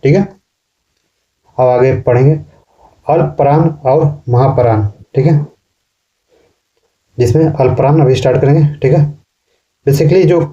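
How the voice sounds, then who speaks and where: Man teaching, very dark mellow voice, patient repetitive explaining, dull lo-fi recording. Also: medium pitch. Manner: explains slowly, repeats words and ends sentences with a questioning "ना". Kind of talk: classroom lecture.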